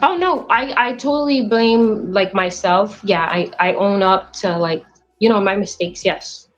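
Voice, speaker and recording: A woman's voice: medium pitch, unhurried, soft background music. Hesitant woman caller, muffled line. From United States. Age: 20s. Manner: hesitant, many ums. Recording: dull lo-fi call audio.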